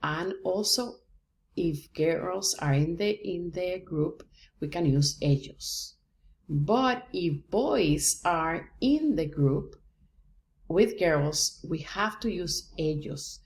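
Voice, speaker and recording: A woman's voice: fairly low pitch, lively intonation, takes it slowly, darkish tone. A woman from Rica, teaching a patient, step-by-step language lesson. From Costa Rica. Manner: patient, explains step by step with examples. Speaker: Spanish teacher. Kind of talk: slow, deliberate language lesson.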